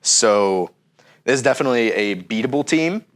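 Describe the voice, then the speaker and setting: Speaking at normal speed in a medium-pitched voice, this young sports-chat co-host sounds congested and unwell from a cold. He methodically works through statistics in a steady, casual way, peppered with ums.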